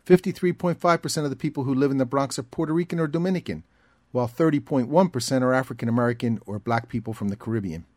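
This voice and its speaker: A man reading a scripted documentary narration in a measured, even way. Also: mid-range voice, dry recording, studio quality. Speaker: narrator and reporter.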